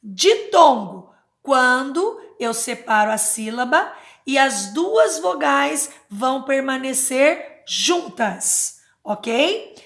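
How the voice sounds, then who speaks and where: A woman teacher giving a slow, patient grammar lesson to children, sounding out words syllable by syllable and checking in with short questions. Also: high voice, fairly bright tone, echoey room. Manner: checks understanding with tag questions.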